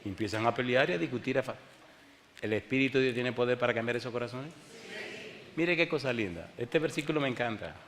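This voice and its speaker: A male pastor preaching a sermon, firing rhetorical questions at the congregation and reading scripture slowly and drawn out. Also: medium pitch, fairly bright tone, a little hiss or hum. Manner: rhetorical call-and-response questions. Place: church hall with a congregation. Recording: long hall reverb.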